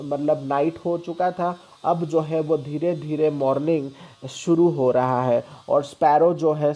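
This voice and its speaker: A male teacher with an Indian accent, explaining a poem in a lesson, reading English lines slowly and then explaining them, often checking in with short asides. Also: on the high side, dark tone.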